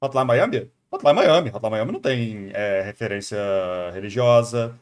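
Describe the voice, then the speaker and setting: Reacting to a video on his stream, a man with a Brazilian accent chats casually, rambling, thinking out loud and repeating himself. His medium-pitched voice has lively intonation and a moderate pace.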